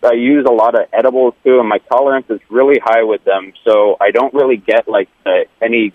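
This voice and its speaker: A man's voice: medium pitch, steady tone, a little fast, no echo. Man calling in from his car over a tinny phone line. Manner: rambling, hesitant, many fillers. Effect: phone call from a moving car. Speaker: caller. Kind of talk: casual call-in chat.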